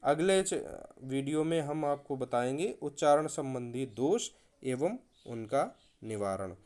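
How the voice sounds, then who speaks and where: A man's voice: medium pitch, lively intonation, takes it slowly, a little mellow. A man teaching a recorded video lesson, explaining with spoken examples and stressing words to show their meaning.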